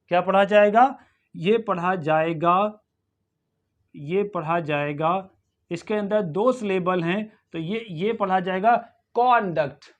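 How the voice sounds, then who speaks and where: A man with an Indian accent teaching English pronunciation in a video lesson, saying each word slowly and repeating it for practice. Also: high voice, dull audio. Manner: slow, repeats words for drilling, mixes Hindi and English.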